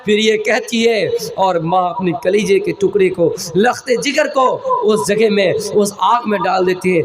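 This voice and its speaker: A male preacher giving an emotional, drawn-out sermon that tells a story. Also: sits high. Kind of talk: Islamic sermon. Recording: crowd audible behind.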